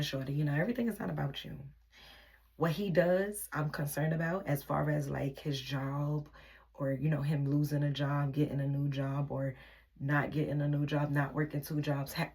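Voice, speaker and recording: A woman's voice: low voice, creaky, husky. A young woman telling a personal relationship story in a candid, venting storytime vlog, sometimes dropping into a whisper.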